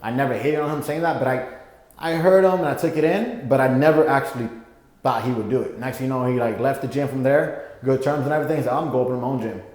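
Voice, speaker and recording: Talking fast in a mid-range, darkish voice, this young man, born in Puerto Rico and raised in Florida, is a guest on a casual podcast. He rambles with lots of fillers and restarts, and the gym setting gives a long, echoey reverb.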